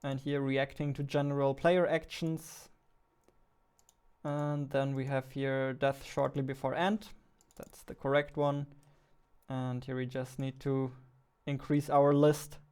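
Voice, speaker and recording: This young adult indie developer gives casual, self-deprecating commentary while working at an indoor computer desk. His mid-range voice is clear, resonant and darkish in tone, with little pitch movement and a slow pace.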